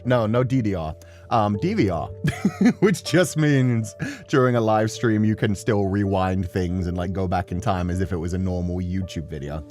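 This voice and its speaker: Low-pitched and darkish, his voice is expressive and moderately paced over faint music. This man, a gaming streamer, chats casually and expressively as livestream host in a rambling stretch before the game.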